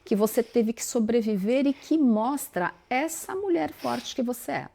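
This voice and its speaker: A woman's voice: fairly high pitch, lively intonation, normal speed, vocal fry, warm tone. A woman hosting an interview podcast, earnestly praising her guest and asking probing questions. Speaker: podcast host.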